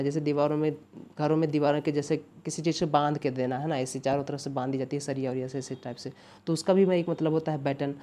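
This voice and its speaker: A man's voice: on the high side, warm tone. A male English teacher from India explaining exam vocabulary in Hindi with English terms mixed in, often checking "है ना". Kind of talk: exam-prep vocabulary lesson.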